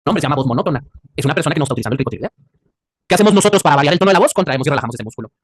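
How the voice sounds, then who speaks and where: A man's voice: fairly high pitch, animated, racing, a little hiss or hum. A man with a Mexican accent teaching an anatomy class, quizzing his students and joking in crude slang. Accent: Mexican Spanish. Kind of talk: classroom lecture.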